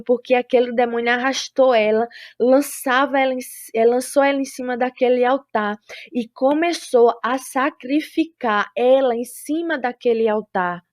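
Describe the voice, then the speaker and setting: A woman recounting a religious vision in a solemn, deliberate way. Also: a little high, a little mellow, no echo, clean studio sound. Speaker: person giving a testimony.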